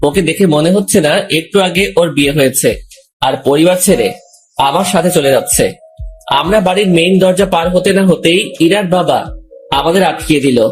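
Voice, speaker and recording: A young man calmly narrating a romantic story in the first person, also voicing the male lead. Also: on the high side, normal speed, faint music behind.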